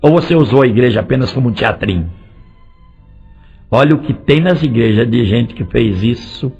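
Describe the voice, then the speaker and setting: A male pastor preaching a lively sermon, firing direct questions at the congregation and swinging between loud and soft delivery. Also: mid-range voice, moderate pace, vocal fry. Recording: dull lo-fi recording with faint music.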